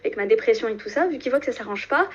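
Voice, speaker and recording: Calling into a live stream over a muffled phone line, this Algerian woman in her twenties races along in a high-leaning, expressive voice. French is her native language, and her speech is full of fillers and false starts.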